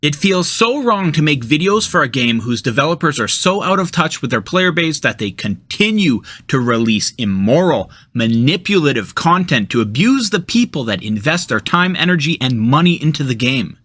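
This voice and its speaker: A man's voice: on the high side, very animated, moderate pace, few pauses, a bit bright, no room sound. A man delivering an exasperated, sarcastic, escalating comedic rant as scripted commentary for gaming content. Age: adult, parent of a toddler.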